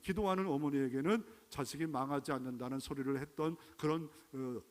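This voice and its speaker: Korean pastor preaching with echoing reverb. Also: male voice, medium pitch, brisk. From Chungcheong, Korea. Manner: preaching with rising, emphatic exclamations and rhetorical questions. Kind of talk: sermon. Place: church sanctuary.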